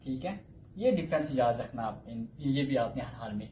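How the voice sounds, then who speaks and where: A man teaching a recorded language lecture, slowly drilling single sounds and repeating and explaining each one. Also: medium pitch, animated, dark tone, a little hiss or hum. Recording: echoey room.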